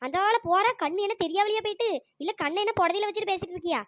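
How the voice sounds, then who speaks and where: A shrill, squeaky-high old mother-in-law, voiced by a woman for a cartoon, nagging her daughter-in-law in rapid, sarcastic bursts. She speaks, and the voice sounds dry and close to the mic. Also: a bit bright, no echo. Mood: scolding. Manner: scolding, sarcastic, relentless. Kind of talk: cartoon dialogue with pitch-raised voice.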